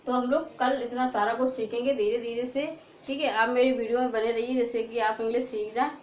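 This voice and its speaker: A woman's voice: fairly high pitch, steady tone. Woman teaching pronunciation. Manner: repetitive call-and-response questioning; drawn-out modeled words. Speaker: English teacher. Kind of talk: pronunciation lesson. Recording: echoey room with faint background noise.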